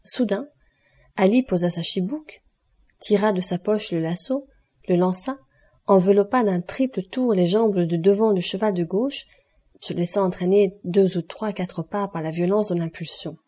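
A woman narrating a classic novel as an audiobook, in a steady, expressive reading voice. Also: mid-range voice, moderate pace.

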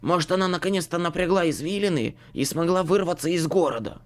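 A man's voice: fairly high pitch, fast talker, voice pushed up, natural voice. A man voicing a curt, blunt man who hisses and mutters, in an audiobook. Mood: hissing.

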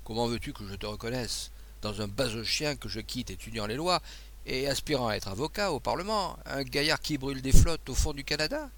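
A fretful, kindly abbé who stammers and frets aloud, as a male reader puts him on, his gravelly voice swinging lively up and down. He sounds anxious and easily flustered, a storybook priest. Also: mid-range voice, fairly quick.

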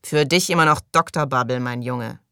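A man's voice: medium pitch, moderate pace, clean tone, no echo, clean studio sound. A man playing a pompous, prickly doctor. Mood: indignant. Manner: indignant, loud, defensive. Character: irritable pompous male colony doctor.

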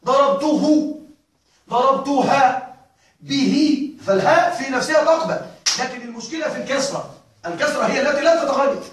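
High-voiced male teacher in echoey classroom. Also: normal speed. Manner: keeps checking students follow, with repeated questions. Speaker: grammar teacher. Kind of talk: classroom lesson. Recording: echoey room, voice from far off.

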